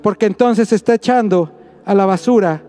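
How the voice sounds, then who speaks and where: A man, a pastor, preaching a sermon to his congregation, mixing jokey asides with repeated shouted emphasis. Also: sits high, normal speed.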